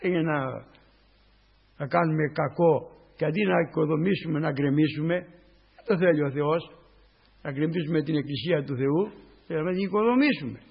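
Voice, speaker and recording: An older male priest preaching a sermon with a raspy voice, punctuating it with repeated doxologies. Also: on the high side, pauses often. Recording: dull lo-fi recording with long reverb.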